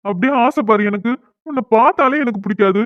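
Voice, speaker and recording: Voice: mid-range voice, fast talker, lightly acted. A whiny, sulking young cartoon husband, as a performer plays him. He pleads and complains in a middling voice. The sound is tinny and phone-like, with no room echo. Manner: whining, pleading. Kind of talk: cartoon dialogue.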